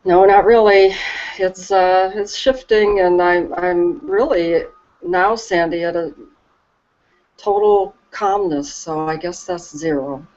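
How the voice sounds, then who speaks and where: A woman talking slowly and reflectively about her calm as a Reiki practitioner, soft and hesitant with many pauses and restarts. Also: fairly low pitch. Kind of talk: slow reflective conversation. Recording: dull lo-fi recording.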